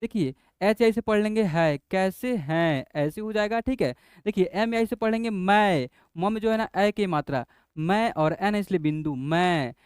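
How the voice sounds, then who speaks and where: A man's voice: high-pitched, normal speed, clean tone, no echo, clean studio sound. A man teaching a spelling lesson to children, patiently repeating each point. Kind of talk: explaining a language lesson.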